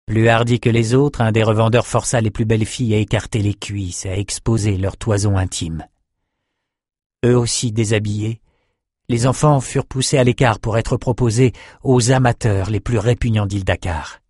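Male audiobook narrator, measured, dry close sound. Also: fairly low pitch, fairly even intonation, darkish tone, dry recording.

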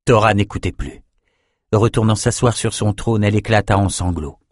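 A man narrating a fantasy novel as an audiobook in a measured storytelling voice. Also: lowish voice, dry recording, studio quality.

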